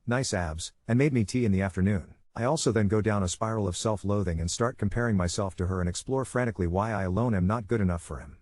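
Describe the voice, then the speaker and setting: A man with a fairly low voice reads an online story aloud quickly, narrating a first-person account in a brisk, even delivery. The sound is dry and close, with no room around it and no echo.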